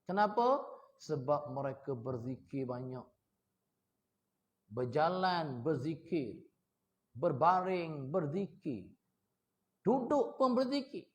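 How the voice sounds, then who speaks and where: Male preacher, fairly high voice, questions the congregation, bursts loud. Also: sing-song, slow, pauses often. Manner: rhetorical questions to listeners, sudden loud high outbursts. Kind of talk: mosque sermon to a congregation. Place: mosque.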